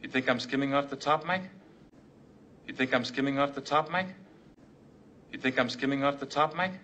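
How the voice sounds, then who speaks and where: A suspicious man questions a partner in a quiet, accusing tone. His voice is bright. The film clip sounds dull, with faint ambience behind it. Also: mid-range voice, a little slow, a little hiss or hum. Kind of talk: film dialogue.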